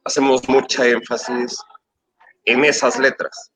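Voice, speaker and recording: A Mexican man with a mid-pitched voice hosts an interview, asking long questions that wander and correct themselves along the way. A clear crowd murmur sits behind him. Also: flat delivery, measured pace, rough recording. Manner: rambling, self-correcting questions. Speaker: host.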